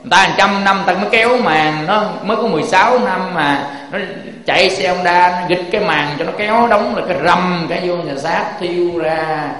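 Preaching a sermon with a Southern Vietnamese accent, a Buddhist monk speaks in a fairly high, somewhat bright voice, fairly quickly and with few pauses. He repeatedly turns to his listeners with rhetorical questions, and his voice rings through a roomy hall with a long reverb tail.

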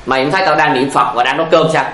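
A man voicing a cross grandmother in her eighties who scolds in a lowered voice. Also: steady tone, very fast, pushed and bright, echoey room, close to an everyday voice. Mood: scolding.

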